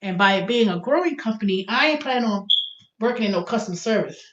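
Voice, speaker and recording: A livestream host from the US, early fifties, rambles casually in an expressive mid-range voice, talking fast and thinking aloud as she repeats and corrects herself. The recording sounds muffled.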